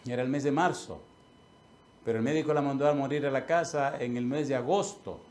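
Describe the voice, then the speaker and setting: A man, a pastor preaching a sermon and telling a personal story, swinging from loud declarations to hushed asides. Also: medium pitch, fairly quick. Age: 60s.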